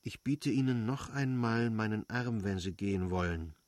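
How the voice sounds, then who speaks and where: A man reading the lines of a stiff, formal husband in an audiobook, measured and correct. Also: lowish voice, a little mellow, no echo, close to an everyday voice.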